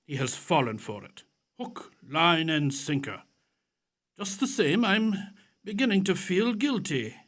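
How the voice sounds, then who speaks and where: A man's voice: on the high side, sing-song, a little slow, fairly bright tone, full character voice. A man playing a loyal, affable doctor in audio theatre, genial and a little hesitant, with old-fashioned turns of speech. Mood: guilty. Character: loyal, affable, easily amazed doctor Watson.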